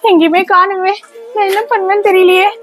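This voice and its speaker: A woman's voice: very high voice, flat delivery, a little fast, a little hiss or hum. A woman playing a bossy, fretful stepmother in a comedy skit, scolding sharply and calling out in a panic. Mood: frantic. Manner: scolding, then frantic calling out.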